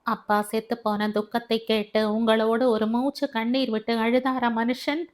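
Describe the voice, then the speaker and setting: A scornful young working woman, as a woman narrator puts her on, firing sharp, pointed questions from a storybook. Her tone cuts with indignation. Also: on the high side, level tone, normal speed, lightly acted.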